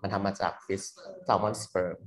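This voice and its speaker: A young man tutoring medical students in a loose, quick exam review full of fillers. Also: a crowd in the background. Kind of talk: casual exam review lecture. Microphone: computer mic on a screen recording.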